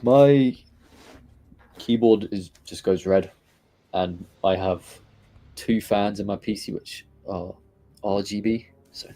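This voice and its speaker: A man chatting casually on a live stream, relaxed and rambling with frequent fillers as he answers viewers. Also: on the low side, slow, pauses often.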